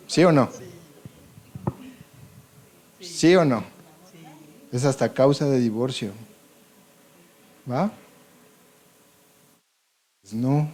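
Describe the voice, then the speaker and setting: A man's voice: medium pitch, dark tone. A man with a Mexican Spanish accent, a doctor lecturing an audience on colposcopy in a conversational way, often checking in with "ok?" and "yes or no?".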